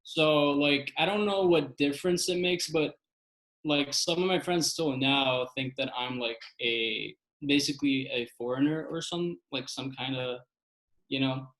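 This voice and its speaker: A man speaking casually in a hesitant, halting way. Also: mid-range voice, fairly bright tone, low-quality recording. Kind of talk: casual chat.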